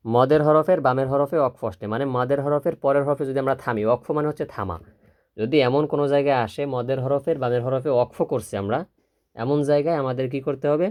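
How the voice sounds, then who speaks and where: A man teaching Quran recitation step by step, who drills slowly, repeats syllables, and asks and answers his own questions. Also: medium pitch, a little mellow. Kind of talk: step-by-step spelling lesson.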